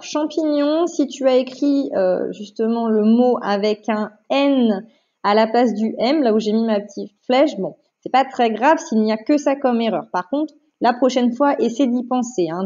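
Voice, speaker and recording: A woman, a primary school teacher, giving a remote phonics lesson to a child, patient and clear, repeating each syllable for dictation. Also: a little high, mellow. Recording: dull lo-fi home recording.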